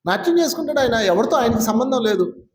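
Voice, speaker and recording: A man with a high, bright voice leads an informal spiritual talk before a gathering. He turns to people in the audience, questions them and ribs them good-naturedly. The sound is roomy and echoing, like a hall. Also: lively intonation, fast, a little hiss or hum. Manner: conversational, quizzes and teases listeners. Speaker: spiritual teacher.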